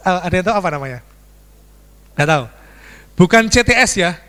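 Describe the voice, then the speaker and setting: A man's voice: high-pitched, a little fast. A man preaching a storytelling sermon as a pastor, acting out screams and dialogue for his congregation. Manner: animated, acts out screams and dialogue, addresses congregation as "saudaraku". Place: church sanctuary. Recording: church hall reverb.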